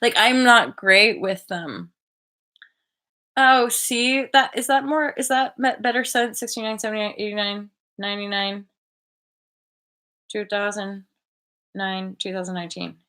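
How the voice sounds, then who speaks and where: A woman in her thirties hosting a casual live chat from a bedroom, chatty and animated, full of likes and restarts, heard through a webcam mic. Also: medium pitch, unhurried, long pauses. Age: 30s. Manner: animated, gestures a lot, laughs often. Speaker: livestream host. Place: bedroom indoors. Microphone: webcam at desk distance.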